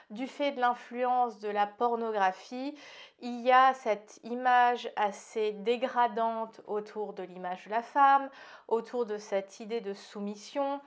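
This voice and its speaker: A woman with a fairly high voice speaks informally to her viewers as an advice host. Her s sounds carry a slight slushy lisp. She is direct and conversational, leaning on key words to make her points. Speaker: host of an intimacy advice channel. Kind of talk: informal advice talk to camera.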